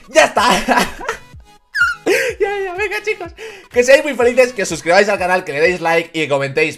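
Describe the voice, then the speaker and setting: A man's voice: high-pitched, a bit bright. A young man from Spain with a Spanish accent, hosting a casual video reaction with joking, exaggerated outbursts. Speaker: YouTube reaction host.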